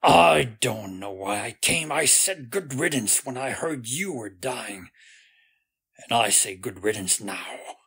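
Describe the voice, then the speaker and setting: A man reading aloud, voicing a gruff, hot-tempered man who is in poor health and talks loudly and bluntly. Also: mid-range voice, expressive, slow, exaggerated voice. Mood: angry. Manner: gruff, loud and blustering.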